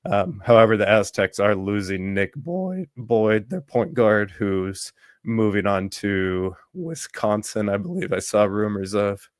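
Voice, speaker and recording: A man hosting a sports podcast in casual talk, his voice worn from allergies, halting with many ums and restarts. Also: lowish voice, animated, no room sound. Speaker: podcast host.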